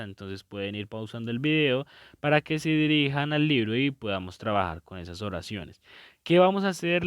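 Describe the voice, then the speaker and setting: Patient male teacher, smooth voice. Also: mid-range voice, fairly bright tone, dry recording, studio quality. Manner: patient, explanatory, often checks in with "¿cierto?". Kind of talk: recorded video lesson.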